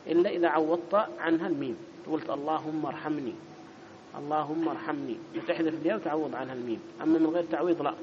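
A man teaching an Arabic grammar lesson, quizzing his students, correcting them briskly and reading the text aloud in a louder, higher voice. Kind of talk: classroom lesson with student questions. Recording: dull lo-fi recording with clear background noise.

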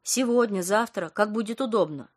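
A woman's voice: medium pitch, normal speed, lightly acted. A woman reading an audiobook, voicing a young female hospital patient who talks earnestly and a little nervously, eager to please. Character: young woman patient after surgery, anxious but polite.

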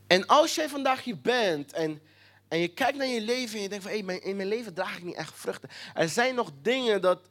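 Preacher, sermon, emphatic, repetitive, sometimes hushed. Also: mid-range voice.

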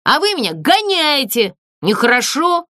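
Woman doing a fussy male ghost for a storybook, lively pitch, dry sound. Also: a little slow, dry recording, exaggerated voice. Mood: sulky. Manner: prim, sulky, self-justifying. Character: touchy, secretive male theatre ghost.

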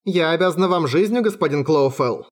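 A man's voice: a little high, expressive, fairly quick. A man doing a cocky sorceress playing tough. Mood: mock menacing. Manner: coldly sweet, teasing menace. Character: young sorceress heroine, cocky and mock-menacing.

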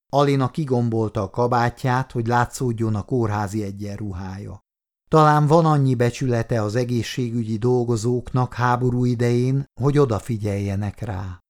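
A man narrating an audiobook in a steady, measured way. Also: mid-range voice. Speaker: audiobook reader.

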